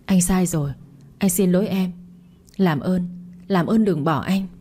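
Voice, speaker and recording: A woman's voice: fairly low pitch, a little slow, mellow, slight background noise, lightly acted. A woman reading the lines of a remorseful young husband in a storybook, speaking in a pleading, desperate way.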